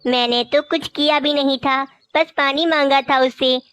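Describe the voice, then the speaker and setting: A woman's voice: high voice, steady tone, normal speed, a bit bright, dry recording. A woman voicing an old mother crow who complains and pleads, in a cartoon. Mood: wounded. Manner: plaintive, complaining. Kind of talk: cartoon voice acting.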